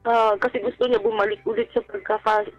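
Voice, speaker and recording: A radio caller with a Filipino accent, looking for advice, recounts something personal in a polite, deferential, chatty way. Her slightly high voice shows little pitch movement, and she talks a little fast. The dull, lo-fi call is backed by music.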